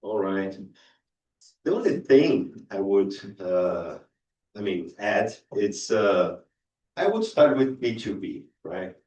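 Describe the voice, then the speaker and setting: Low-voiced man judging, roomy and distant. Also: big pitch swings, slow, darkish tone. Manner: hesitant, friendly, with laughs. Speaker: pitch judge. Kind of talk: spoken feedback. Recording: echoey room, distant mic.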